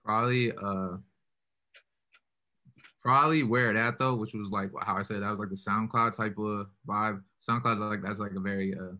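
At a moderate pace, a young man with a deep voice, a rapper, fields interview questions calmly. His answers are full of "like" and "you know."

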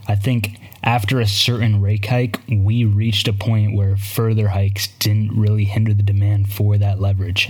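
A man hosting a podcast, giving market commentary in a measured, explanatory way. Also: fairly low pitch, darkish tone. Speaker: podcast host.

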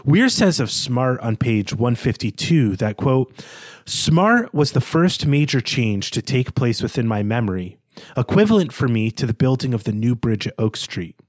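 With no room sound and a medium pitch, a podcast co-host works through his prepared argument about a novel. He's bookish and discursive, often poking fun at himself.

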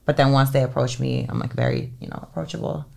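Rumbling low and darkish in tone, this woman's voice is creaky, quick, and full of huge pitch swings. She's in her thirties, from Finland, and works as an entertainment lawyer, here chatting informally as a podcast guest with constant "like"s and "um"s.

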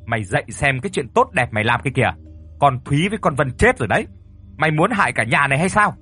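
A man's voice: mid-range voice, expressive, brisk, a bit bright, husky, faint music behind. A man voicing an angry, cruel older male landlord who barks bullying orders at his servants. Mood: furious.

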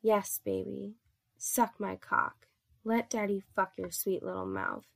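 A woman voicing a soft-spoken dominant man. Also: medium pitch, big pitch swings, slow, gravelly, exaggerated voice. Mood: tender, commanding. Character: dominant gentle adult male lover. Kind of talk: erotic story reading.

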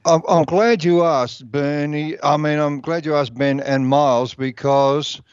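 Slow, rambling man on a headset. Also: on the high side, steady tone, smooth, no echo, lo-fi sound. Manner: rambling, laughing storyteller. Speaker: musician guest. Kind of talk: casual radio chat.

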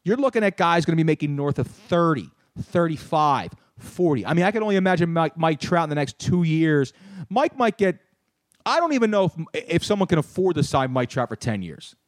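A man in his thirties hosting a casual sports talk show, animated and ranting, often repeating words. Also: a little high, fairly quick, no echo, clean studio sound. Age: 30s. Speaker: podcast host.

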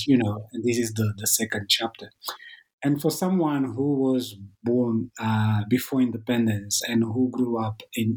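A middle-aged man speaks with an Angolan accent and a mid-pitched, somewhat husky voice. He answers as an academic being interviewed, feeling his way haltingly and repeating words as he goes. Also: a little mellow, poor audio. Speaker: academic author, podcast guest.

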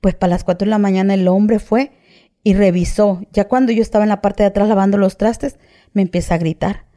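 A woman's voice: medium pitch, steady tone, a little fast, mellow. A woman telling her own story as an interview guest, often tagging phrases with "¿verdad?" and "¿va?" and restarting her sentences. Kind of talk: personal testimony, casual retelling.

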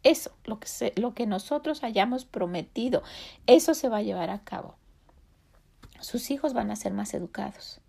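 An older woman talks straight to her listeners in a casual, earnest way, sharing life advice shaped by her faith. Her voice sits a bit high and has a gravelly, creaky edge. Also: lively intonation, moderate pace, dark tone. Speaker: podcast host giving life advice. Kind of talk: casual motivational talk with faith themes. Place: home, Illinois.

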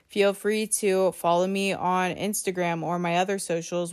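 A woman's voice: on the low side, smooth. A woman in her twenties from the US East Coast hosting a casual solo podcast, chatty with lots of "like" and "um" fillers, a little congested from a coming cold. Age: 20s. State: slightly congested, getting a cold. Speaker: podcast host.

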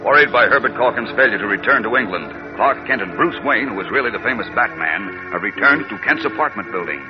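A man's voice: lowish voice, expressive, a little fast. A man narrating as an old-time radio serial announcer, theatrical and suspenseful, building urgency. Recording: dull vintage radio recording, loud music.

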